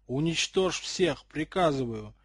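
A man's voice: a little high, expressive, measured pace, breathy edge, dry recording. A man doing a hissing, furious professor. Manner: hissing and commanding.

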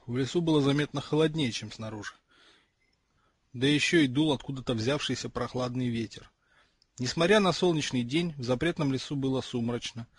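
Sex: man. Role: audiobook narrator. Style: measured scripted narration. Quality: husky. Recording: dry, close. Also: mid-range voice, dry recording. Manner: measured storytelling.

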